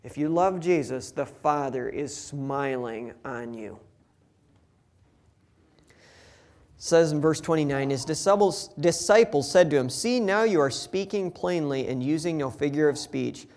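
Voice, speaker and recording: A man's voice: fairly high pitch, expressive, unhurried, darkish tone. A man reading Bible passages aloud and explaining them in an earnest, conversational teaching style with touches of humor. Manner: reads scripture then explains it conversationally.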